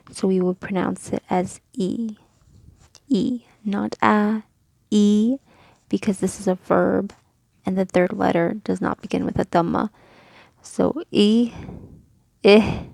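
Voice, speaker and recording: Patient woman teaching with a dark, gravelly voice. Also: mid-range voice, dry recording. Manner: patient, methodical, with frequent ums and self-corrections. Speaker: Quran reading teacher. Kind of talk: casual recorded lesson, explaining rules step by step.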